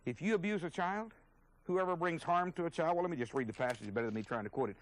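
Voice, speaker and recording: A man's voice: on the high side, quick pace, low-quality recording. A man teaching a sermon as a Bible teacher, earnest and emphatic, openly indignant at his subject.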